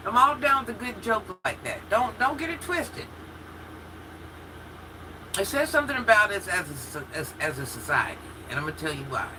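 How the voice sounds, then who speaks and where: A woman's voice: mid-range voice, lively intonation, moderate pace, noisy background. A woman in her fifties hosting a casual livestream, chatting candidly as she reads and answers viewer comments. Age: 50s. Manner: chatty and candid, talks straight to chat with frequent laughs and restarts. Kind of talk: casual chat.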